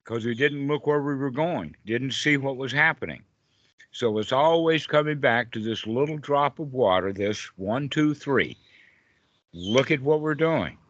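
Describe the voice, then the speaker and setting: Speaking a little slowly, an older meditation teacher gives a casual group talk in a bright, forceful, medium-pitched voice, keeping things jovial and colloquial and frequently asking a short question to check in. It sounds like online call audio: close, dry, somewhat dull, and without echo.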